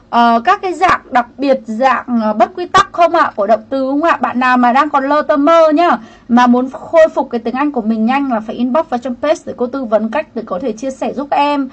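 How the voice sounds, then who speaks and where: A woman's voice: sits high, muffled recording. A woman teaching an English grammar lesson on a livestream, chatty, greeting viewers by name and explaining each answer option.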